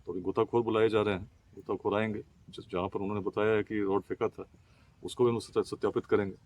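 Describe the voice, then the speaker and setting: A man in a police role giving a measured, formal press briefing outdoors at a crime scene. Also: on the low side, level tone, darkish tone. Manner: measured, formal, official wording.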